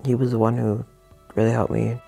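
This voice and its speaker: A man's voice: monotone, fairly quick, vocal fry, mellow, faint music behind. A man giving a frank, reflective personal account in an interview. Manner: reflective, frank, low-key. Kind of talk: candid personal testimony.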